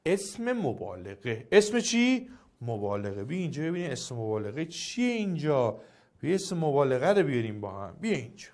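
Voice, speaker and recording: A male teacher giving a classroom grammar lesson, coaxing and quizzing his students in a lively way. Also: medium pitch.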